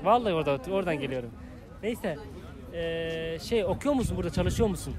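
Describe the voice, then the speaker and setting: A man's voice: on the high side, fast. A man in his early twenties chatting casually as a street interviewer, cheeky, flirtatious and insistent. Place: outdoor park bench by a busy walkway. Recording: busy outdoor street noise, passing crowd.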